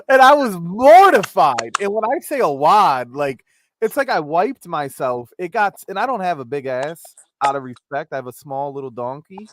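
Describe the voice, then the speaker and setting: A man hosting a casual comedic live-streamed chat, rambling and joking, with popping p sounds. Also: on the high side. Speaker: host of a live-streamed talk show. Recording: clicks and pops, faint background noise.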